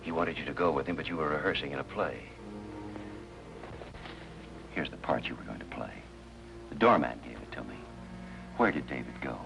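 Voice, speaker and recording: A man's voice: rumbling low, lively intonation, fast, gravelly, heavily acted. An actor playing an earnest male hospital chaplain who asks polite, persistent questions in a 1950s TV drama. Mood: gentle. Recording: dull lo-fi 1950s TV soundtrack with music.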